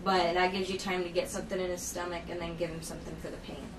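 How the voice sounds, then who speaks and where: A woman's voice: lowish voice, flat delivery, quick pace. Woman giving aftercare instructions, distant noisy recording. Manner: plain-worded, step-by-step, checking understanding. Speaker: dental surgery assistant giving aftercare instructions. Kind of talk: explaining instructions conversationally. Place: indoor clinic treatment room. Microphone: camera held by another person, at a distance. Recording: noisy room, distant camera microphone.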